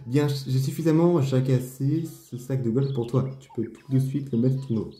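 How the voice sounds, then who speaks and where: A man reading a stern male golf club official's lines aloud, slow and deliberate, as he plays a game. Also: mid-range voice, dark tone, slight background noise, lightly acted. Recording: roomy echo, faint game music.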